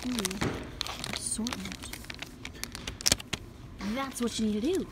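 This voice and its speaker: A young woman with a rather high voice vlogs on a handheld camera, chatting casually in an upbeat way with plenty of fillers, though her pace is slow. She walks outdoors and then moves through store aisles, with heavy background noise throughout.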